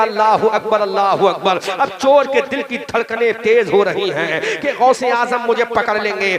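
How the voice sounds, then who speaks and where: High-voiced man preaching fervently to a crowd. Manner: rhythmic repeated refrains, calls to the audience, swells into shouting. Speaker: preacher at a religious gathering. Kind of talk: fervent storytelling sermon. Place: outdoor religious gathering stage. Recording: live crowd at a public-address event.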